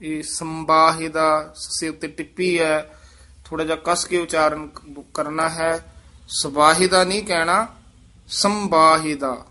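A man teaching how to recite scripture, chanting verses slowly and then explaining pronunciation and pauses in quicker asides. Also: fairly high pitch, steady tone, pushed and bright.

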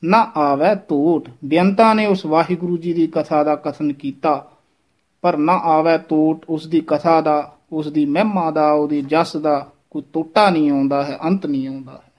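A man teaching the correct pronunciation of scripture, slowly repeating and demonstrating each word. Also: a little high, fairly even intonation, a little mellow. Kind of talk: pronunciation lesson.

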